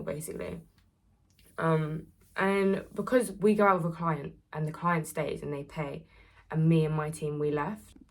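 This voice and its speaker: A nineteen-year-old woman rambling through a casual storytime while doing her beauty routine, with lots of "like.". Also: fairly low pitch. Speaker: influencer.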